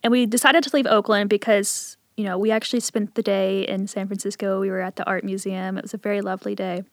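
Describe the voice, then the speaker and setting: Speaking fast in a mid-range voice with little pitch movement, this interview guest shares personal stories in a relaxed, conversational way. She is in her thirties, originally from Appalachian southern Ohio and later of Richmond, Virginia, and the recording has no echo.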